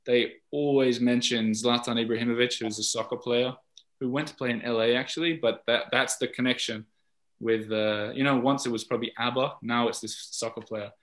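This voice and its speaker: A man with an Australian accent speaks in a loose, chatty ramble, full of "uh"s and restarts. His pitch sits in an ordinary male middle range. He talks to an audience over a video-call microphone. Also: steady tone, fairly quick, fairly bright tone. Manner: rambling, chatty, many fillers. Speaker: podcast host, guest speaker. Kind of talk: casual talk and Q&A on a video call. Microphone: video call mic.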